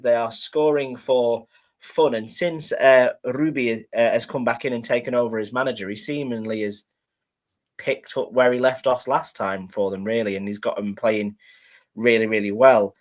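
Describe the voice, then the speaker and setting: A man's voice: medium pitch, moderate pace, rough recording. Guy hosting a football podcast, easygoing, lots of ums. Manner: relaxed, rambling with fillers. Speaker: podcast host. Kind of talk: casual football podcast chat.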